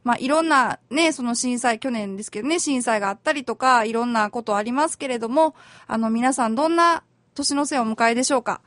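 A woman with a high voice hosts a community radio talk show. She explains legal matters in chatty, plain terms, polite and friendly, with soft fillers along the way. The sound is dry and close, with no room echo. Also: fairly quick, few pauses.

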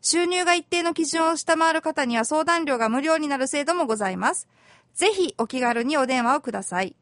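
A woman with a high voice hosts a community radio talk show. She explains legal matters in chatty, plain terms, polite and friendly, with soft fillers along the way. The sound is dry and close, with no room echo. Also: animated, a little fast.

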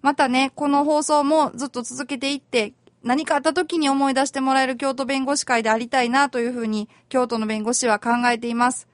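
A woman lawyer hosting a community radio talk show, explaining law in plain everyday terms in a chatty, polite way with soft fillers. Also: high voice, steady tone, fairly quick, hardly any pauses, no room sound.

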